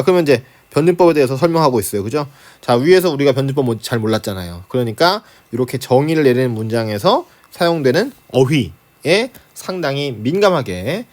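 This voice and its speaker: A man teaching reading comprehension for exams in a lecture, often checking in with rhetorical questions. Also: medium pitch. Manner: lively, frequent rhetorical questions and "자, 그죠?" check-ins. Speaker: Korean language teacher. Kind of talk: exam-prep lecture.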